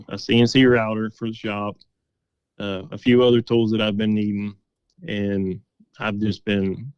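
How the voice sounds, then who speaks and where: A man's voice: fairly low pitch, clear, resonant tone, no room sound, muffled recording. A middle-aged man being interviewed, telling stories in a folksy, casual, conversational way. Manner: folksy, quotes past conversations as dialogue. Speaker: interview guest, game call maker.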